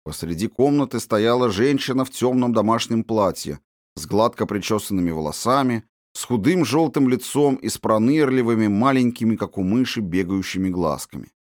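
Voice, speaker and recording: A man narrating a storybook in a measured, descriptive reading. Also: on the low side, expressive, no room sound, clean studio sound. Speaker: audiobook narrator.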